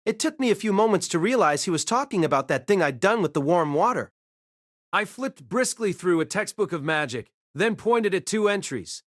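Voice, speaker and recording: A man with a high, expressive voice narrates an audiobook in first person as a wry, self-deprecating boy mage who was reincarnated, describing his own life conversationally and acting out dialogue. The pace is normal and the recording is dry and studio quality.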